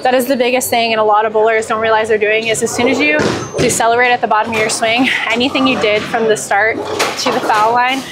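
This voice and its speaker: A young professional bowler, wearing a clip-on lapel mic in a big indoor bowling alley, talks to camera about how she practices, coaching in a relaxed, step-by-step way. Her voice is on the high side with a steady tone, and she talks fast. Loud alley noise and clicks carry on behind her.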